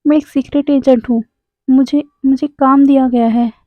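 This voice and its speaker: Earnest pleading young man, read by a woman, halting delivery, high pitch, phone-like dry recording. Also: fairly even intonation, no room sound, close to an everyday voice. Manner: halting, repeats words when pleading. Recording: dry, tinny phone-like sound.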